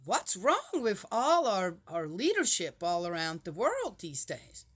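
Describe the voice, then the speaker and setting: A woman's voice: mid-range voice, huge pitch swings, a little slow, husky. Chatty woman in her sixties. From Switzerland. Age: 60s. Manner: rambling, fires rhetorical questions at viewers. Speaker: vlogger reading the Bible. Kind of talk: casual chatty monologue.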